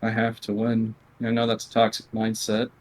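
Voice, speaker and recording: Male gamer guest, monotone and blunt, candid halting answers. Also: on the low side, low-quality recording. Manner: quiet, near whispering at times. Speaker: interview guest, competitive gamer. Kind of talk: candid conversational interview.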